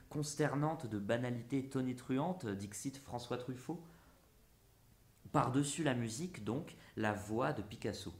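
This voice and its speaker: A man reading a literary essay aloud in a musing, theatrical way. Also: mid-range voice. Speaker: narrator. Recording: roomy echo.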